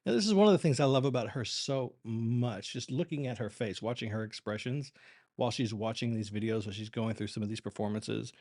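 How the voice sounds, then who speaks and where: A man hosting a reaction livestream, chatting casually and unscripted in a halting, rambling, conversational way. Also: medium pitch, darkish tone. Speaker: live-streaming reaction channel host.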